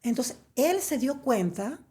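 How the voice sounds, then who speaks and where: A woman from Venezuela, telling her story in an interview; she hesitates with many fillers and restarts, then turns lively and emphatic. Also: high voice, a little slow. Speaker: interview guest. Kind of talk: conversational storytelling.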